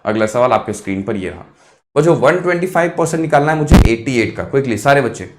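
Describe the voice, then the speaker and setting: A man teaching a live online exam-prep math class, encouraging, repeating each answer, and mixing quick calculation with motivational asides. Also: mid-range voice, expressive, very noisy. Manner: encouraging, repeats answers, addresses students as kids.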